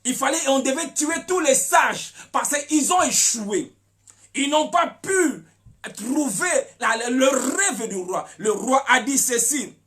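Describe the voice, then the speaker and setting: Pasteur prêcheur à la voix très animée. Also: male voice, extremely high pitch, animated, takes it slowly. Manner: preaching with shouted peaks and many repeated words. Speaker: pastor. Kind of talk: sermon.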